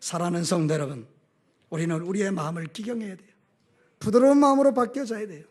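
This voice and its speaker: A man with a Gyeongsang Korean accent preaching a sermon as a pastor, animated, mixing homely stories with call-and-response in a church. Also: high voice, fast.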